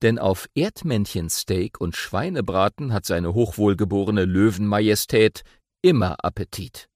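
Male narrator, children's audiobook, expressive, slow-paced. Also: on the low side, dry recording, clean studio sound. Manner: expressive, playful storytelling.

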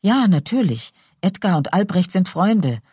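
Earnest young lady, slightly flustered, eager, as a woman narrator plays her; husky, dry studio read. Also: fairly low pitch, big pitch swings, a little slow, dark tone, dry recording, pitched above the performer's own voice, heavily acted.

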